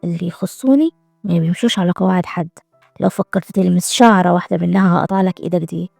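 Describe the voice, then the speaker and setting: A woman drops her voice to play a young millionaire in a drama recap, protective and quietly intense, with an Egyptian Arabic accent. His lines come out low, soft and gravelly, and he talks fast. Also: steady tone, dry recording, studio quality, soft background music. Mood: threatening.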